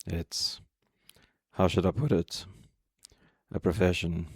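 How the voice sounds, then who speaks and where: A man voicing a terse, mysterious male hunter who talks in a low, muttering way. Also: steady tone, takes it slowly, slightly rough, no echo, studio quality, exaggerated voice. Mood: gruff, curt.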